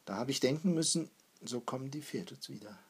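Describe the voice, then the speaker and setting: A man's voice: medium pitch, expressive, a little fast, slightly rough. A man reading the part of a worried, plaintive middle-aged mother. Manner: soft, plaintive.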